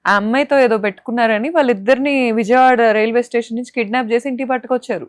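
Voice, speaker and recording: A woman's voice: a little high, fairly even intonation, very fast, no room sound, clean studio sound. A young woman, an interview guest speaking with impassioned indignation and pointed rhetorical questions. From Andhra Pradesh, India. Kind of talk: emotional interview testimony.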